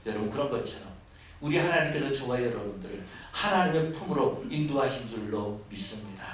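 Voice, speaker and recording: Korean pastor preaching in an echoey hall. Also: male voice, lively intonation, brisk, far from the mic. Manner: builds from low, quiet asides to loud, high, emphatic lists. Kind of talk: sermon.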